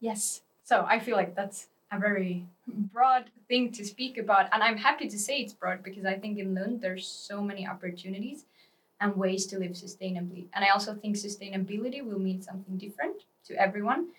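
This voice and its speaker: A young woman from Finland talks as a student guest on a podcast, explaining her ideas in a thoughtful, steady way. Her pitch is in the middle for a woman. She sits a little back from the microphone. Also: fairly quick, recorded from a distance. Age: young adult. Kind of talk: casual interview talk.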